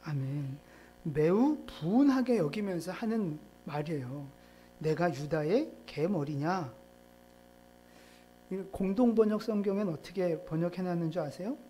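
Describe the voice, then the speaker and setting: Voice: medium pitch, expressive, normal speed, warm tone, a little hiss or hum. A pastor preaching a sermon in a church in a conversational way, putting questions to the congregation. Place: church sanctuary.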